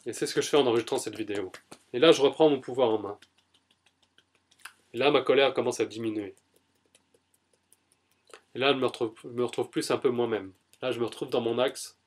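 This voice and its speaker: Man, mid-pitched, EFT tapping self-demonstration; short repeated first-person lines, emphatic then calmer. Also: fairly quick, long pauses, breathy edge. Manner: emphatic and exasperated; softer and more settled. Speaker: EFT practitioner.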